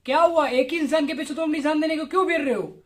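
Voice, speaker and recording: A woman with a high voice delivers a motivational monologue on breakups. She is blunt and crude, piling up rhetorical questions as she scolds and mocks her listener. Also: fast.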